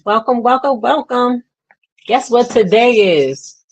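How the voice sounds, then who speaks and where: A woman's voice: on the high side, slow pace, dull audio. A woman in her thirties, a vlogger chatting casually to her viewers, rambling and trailing off as she searches for words. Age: 30s. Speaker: beauty vlogger. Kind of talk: casual chat to camera.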